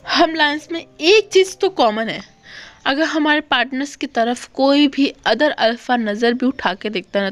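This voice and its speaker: A woman voicing a possessive young male lion alpha student who talks boastfully and domineeringly. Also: on the high side.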